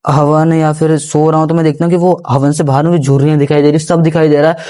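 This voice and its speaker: A man's voice: fairly high pitch, flat delivery, quick pace, mellow. Earnest young man telling his story. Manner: earnest, respectful, often addresses the host as guruji; rambling, with restarts and repeated phrases. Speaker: podcast guest. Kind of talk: casual first-person storytelling.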